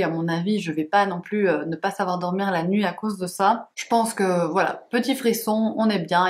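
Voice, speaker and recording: A woman book vlogger talking casually at home, chatty and a little self-deprecating, with hesitant fillers. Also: on the high side. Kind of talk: casual reading-list vlog. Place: home room.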